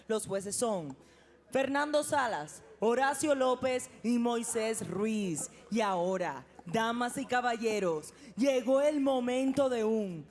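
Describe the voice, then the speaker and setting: A woman ring announcer introducing fights in Spanish and English in a formal, grandly drawn-out lucha libre manner. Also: a little high. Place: live fight arena.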